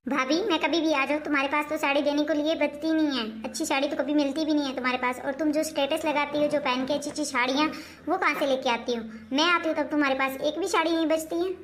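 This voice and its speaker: A spoiled, jealous young sister-in-law, acted by a woman in a home-made comic family skit, who complains and demands in a whiny way. Her voice is high. Faint ambient noise runs underneath. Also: steady tone, fast talker, fairly bright tone. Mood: accusing.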